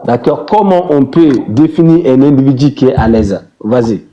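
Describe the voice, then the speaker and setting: A man's voice: medium pitch, animated, moderate pace, warm tone, dull audio, a little hiss or hum. An argumentative man in a heated online debate who presses his points and interrupts others. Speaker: debate participant.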